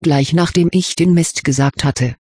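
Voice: mid-range voice, measured pace, a little mellow, husky, no echo, clean studio sound. Reader doing blunt, awkward young wizard. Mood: plain. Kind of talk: audiobook reading.

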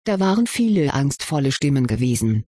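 Audiobook narrator, husky breathy voice, steady storytelling, dry close sound. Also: medium pitch, a little fast, no room sound. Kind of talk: scripted narration.

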